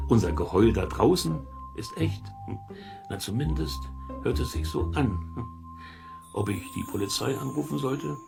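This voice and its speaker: An actor voices a chatty middle-aged amateur investigator, folksy and curious, in a German children's audio drama. With a fairly low, gravelly voice, he muses, chuckles, and explains things in a colloquial way, speaking straight to listeners.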